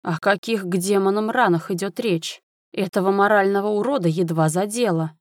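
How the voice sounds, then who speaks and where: A woman narrating a fantasy novel aloud in an even, expressive reading. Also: mid-range voice, normal speed, dry recording, clean studio sound. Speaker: audiobook narrator. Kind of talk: dramatic fiction reading.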